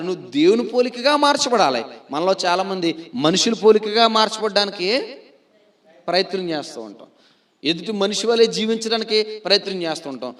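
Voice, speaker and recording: A man preaching a sermon as pastor, asking rhetorical questions, repeating them and answering himself, slowing to stress key phrases and swinging between loud declarations and quiet asides. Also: high-pitched.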